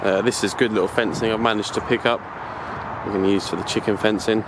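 A man's voice: lowish voice, fast talker. A man giving a chatty, rambling walking tour of his allotment, filming it himself on a handheld camera outdoors. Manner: rambling, chatty, self-correcting. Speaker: allotment vlogger. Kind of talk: casual walking tour narration. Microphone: handheld camera mic, filming from own view. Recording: outdoor camera audio with steady background noise.

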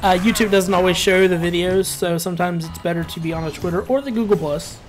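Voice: medium pitch, quick pace, soft background music. Rambling laid-back gameplay commentator. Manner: rambling, ranty, laid-back with filler words.

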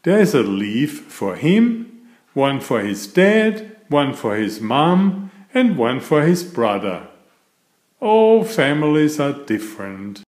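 A man narrates storybooks for young children as a storyteller and channel host, with a mid-pitched voice that's unhurried and animated in pitch. The recording has a roomy, echoing sound.

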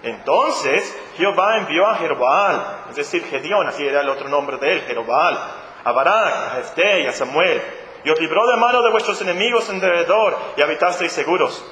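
Give me a northern Mexican pastor preaching in an echoey sanctuary, with a faint hum behind him. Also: male voice, on the high side, normal speed. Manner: expressive, rises sharply for emphasis and repeats phrases. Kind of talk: sermon. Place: church sanctuary. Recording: echoey church hall, faint ambience.

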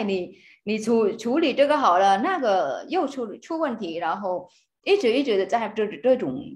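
A woman giving a casual Buddhist study lesson, repeating words and restarting, often asking her listeners rhetorical questions. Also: medium pitch. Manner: hesitant, repeats words and restarts, frequent fillers, chuckles. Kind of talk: casual spoken Dharma lesson.

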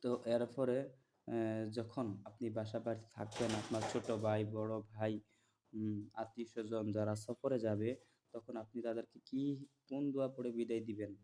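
A man teaching listeners to memorize prayers, chanting each word slowly and repeating it, then explaining plainly and checking that they follow. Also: fairly low pitch, little pitch movement, mellow, slight background noise. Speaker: religious teacher.

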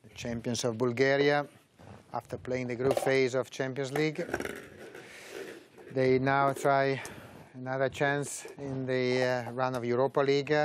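A middle-aged man hosting a live tournament draw, speaking haltingly with frequent pauses. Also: mid-range voice, flat delivery, a little hiss or hum. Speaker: draw host.

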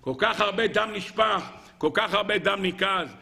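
A man giving a Torah sermon as a rabbi, emphatic, asking the audience rhetorical questions and swinging between a raised voice and a low one. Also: creaky, sharp tone.

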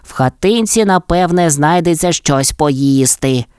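A woman's voice: low voice, unhurried, clean tone, no room sound, studio quality. A woman voicing a cheerful little mole. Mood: eager. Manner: bright, excited, childlike exclamations. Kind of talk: storybook voice acting.

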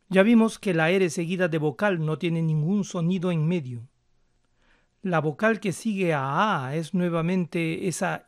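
A man calmly explaining English pronunciation step by step as a language teacher, slowing down to model words. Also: high-pitched, no echo, studio quality. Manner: calm, methodical, slows down to model words.

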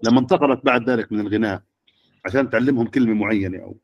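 A man's voice: lowish voice, rapid-fire, no echo, muffled recording. A middle-aged man, lecturing teachers and often checking with the audience. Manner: questioning the audience.

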